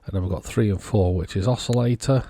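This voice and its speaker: A man giving casual, unhurried technical commentary, thinking aloud as he inspects a circuit board. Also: on the low side, warm tone. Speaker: electronics repair vlogger.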